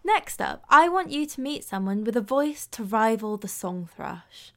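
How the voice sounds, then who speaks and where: Bright-voiced woman presenting a nature show. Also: on the high side, big pitch swings, measured pace, slight background noise. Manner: warm, admiring descriptions of birds. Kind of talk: scripted radio presenting.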